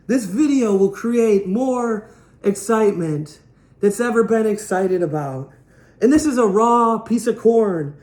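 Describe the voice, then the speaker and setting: A man giving a playful, rambling product demo as a salesman, repeating his jokes as he goes. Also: darkish tone. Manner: rambling, jokey, repetitive sales pitch. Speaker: knife sales representative. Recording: echoey room.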